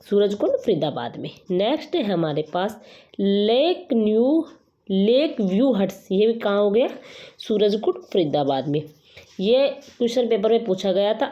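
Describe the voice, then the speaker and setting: A woman teacher, running an exam-prep lesson and acting out playful memory-trick lines. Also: mid-range voice. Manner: playful, acts out mnemonic dialogue lines. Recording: dull lo-fi recording.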